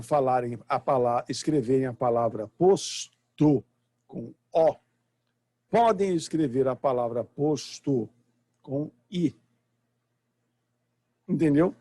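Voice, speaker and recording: A man's voice: a little high, darkish tone, breathy edge, no room sound. A middle-aged Brazilian man with a Brazilian Portuguese accent, teaching a live online university lecture from home, explaining patiently and often checking that students follow.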